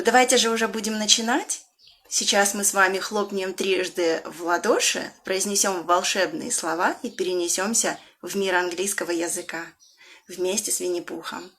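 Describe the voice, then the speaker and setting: A woman with a Russian accent, an English teacher for young children, reading a picture book aloud with big leaps up in pitch and slow, drawn-out questions. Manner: animated storyteller with big swoops up in pitch.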